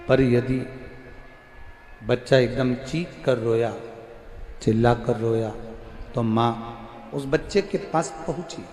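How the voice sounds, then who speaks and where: A man preaching a devotional sermon, slowly repeating his lines for emphasis, with a verse chanted now and then. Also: medium pitch, darkish tone. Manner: slow, repetitive, emphatic preaching. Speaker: preacher of religious discourse. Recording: echoey hall with faint music.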